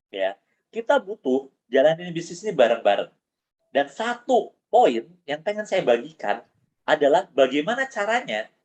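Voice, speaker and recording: Lively man giving a motivational talk. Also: high-pitched. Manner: animated, rhetorical questions, mixes in English phrases. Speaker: business coach. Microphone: video call.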